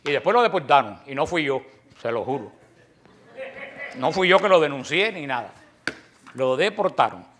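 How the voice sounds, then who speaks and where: A Cuban man with a somewhat high-pitched voice teaches an apologetics class in a Cuban accent. He speaks emphatically, lets key phrases fade off quietly, and acts out quoted exchanges as he tells stories. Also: animated. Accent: Cuban Spanish. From Cuba. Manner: emphatic, slows down and trails off softly at the end of key phrases. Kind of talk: lecture to a class.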